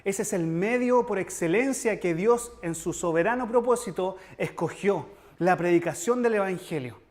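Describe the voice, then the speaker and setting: A man's voice: high voice, animated, normal speed, a little mellow. A man preaching an earnest, emphatic sermon-style lecture, speaking straight to his listeners. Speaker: preacher teaching church history.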